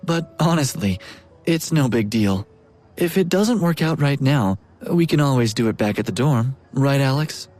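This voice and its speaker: A man's voice: medium pitch, expressive, normal speed, a little mellow, soft background music, lightly acted. A man voicing a scheming young man who talks in a coaxing, pushy way.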